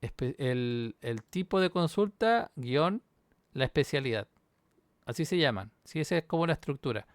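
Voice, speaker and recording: In this screen-recorded coding walkthrough, a male university instructor goes through a programming exam solution on screen at a normal speed. His voice is medium-pitched and animated, with no echo, and he explains each step while checking in with the class using "¿sí?".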